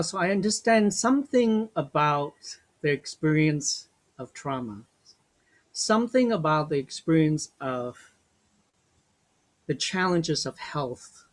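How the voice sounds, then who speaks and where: Slow, gentle older man leading a webinar. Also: fairly high pitch. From Vietnam. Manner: slow, gentle, reflective, with small restarts. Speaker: workshop facilitator. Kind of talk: guided webinar talk.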